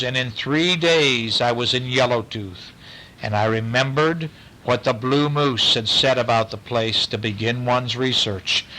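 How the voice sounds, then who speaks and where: In a rough recording, a medium-pitched man reads a bedtime story aloud with expression. He pauses to chat with a young listener, asking animated questions and explaining words.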